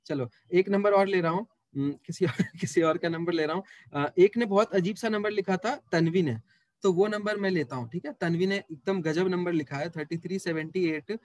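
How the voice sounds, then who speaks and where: A man's voice: high-pitched, moderate pace, no echo. A man teaching a live online math class, chatting with students and teasing them as he works sums aloud.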